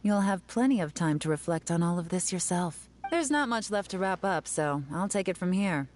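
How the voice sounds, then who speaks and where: Actress as self-assured game lawwoman, lowish voice, commanding, wry, measured, faint background noise. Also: expressive, darkish tone, lightly acted. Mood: stern, wry. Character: cool, self-assured female enforcer, sternly teasing. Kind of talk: video game voice acting.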